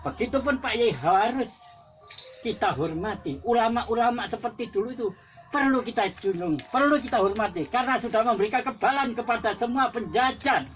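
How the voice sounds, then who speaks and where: An older war veteran from Java delivers an impassioned patriotic speech, his repetitive exhortations rising to emphatic peaks. His very high-pitched voice is animated and brisk, captured in a dull lo-fi recording with faint music.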